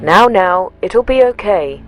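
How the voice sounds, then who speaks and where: A woman voicing a male police dispatcher who speaks in a calm, soothing, matter-of-fact way. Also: mid-range voice, slow pace, soft background music.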